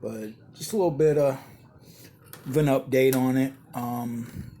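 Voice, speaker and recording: A man's voice: medium pitch, unhurried, mellow, a little hiss or hum. A man giving a rambling, casual update on his model build, full of fillers and restarts, tired and yawning.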